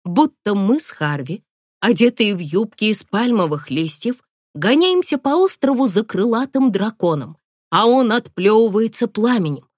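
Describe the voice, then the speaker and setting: A woman narrating a first-person audiobook in a wry, expressive storytelling manner. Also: mid-range voice, moderate pace, no echo, studio quality.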